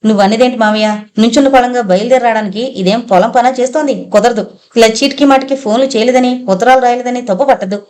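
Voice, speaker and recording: A woman voicing an exasperated young husband and father who turns impatient and sharp on the phone. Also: a little high, quick pace, close to an everyday voice. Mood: irritated.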